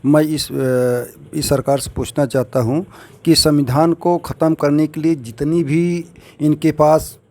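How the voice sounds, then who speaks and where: A man's voice: a little high, flat delivery, measured pace, a little mellow. A man, an advocate, giving an impassioned street interview answer full of rhetorical questions. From Uttar Pradesh.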